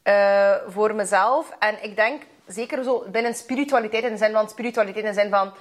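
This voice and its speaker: A woman's voice: mid-range voice, a little fast. A woman with a Flemish accent hosting a podcast in casual chat, chatty and slipping English phrases into her talk. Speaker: podcast host.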